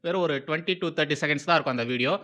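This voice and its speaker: A man's voice: a little high, quick pace, sharp tone. A man from Tamil Nadu giving heated, scornful political commentary as a channel host.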